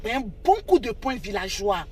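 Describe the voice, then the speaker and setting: A woman's voice: medium pitch, sing-song, normal speed, darkish tone, slight background noise. A woman hosting an unscripted live stream on her phone, scolding and mocking her viewers and repeating herself for emphasis.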